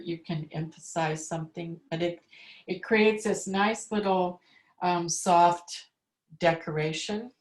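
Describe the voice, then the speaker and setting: A woman teaching an online calligraphy class, patiently explaining each step as she demonstrates. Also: on the low side. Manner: slow, patient step-by-step instruction. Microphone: video call. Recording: echoey room on a video call.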